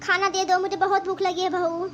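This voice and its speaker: A woman voicing a frail, meek old mother-in-law in a cartoon family drama, pleading in a high, bright voice. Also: flat delivery, fairly quick, highs cut off, slight background noise. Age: over 60 (figure). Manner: pleading, tearful.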